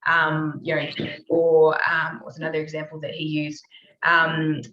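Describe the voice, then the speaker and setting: Low-voiced woman, rambling motivational talk. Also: completely flat delivery, a little slow, sharp tone, dull audio. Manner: rambling, many fillers and self-corrections. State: clearing her throat. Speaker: host. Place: call or online meeting.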